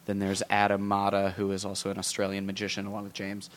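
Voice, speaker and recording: A man's voice: lowish voice, monotone, fast talker, a little hiss or hum. A man talking casually as a guest magician, rambling with frequent restarts and ums. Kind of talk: casual podcast chat.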